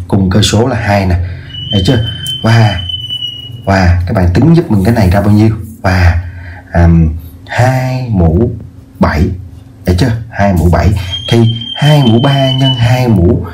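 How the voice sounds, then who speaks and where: A man teaching a casual video math lesson, often checking in with the viewers and slowing down to spell out numbers. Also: sits low, over music.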